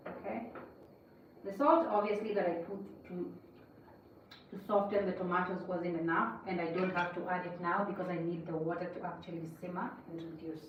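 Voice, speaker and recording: A woman's voice: lowish voice, dull audio, slight background noise. A woman hosting a cooking livestream, chatting casually and lecturing viewers as she cooks. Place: home kitchen. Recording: echoey kitchen, mic at a distance.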